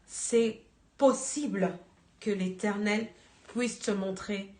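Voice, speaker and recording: A woman giving an earnest church exhortation, slow and searching for words. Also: medium pitch. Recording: echoey room.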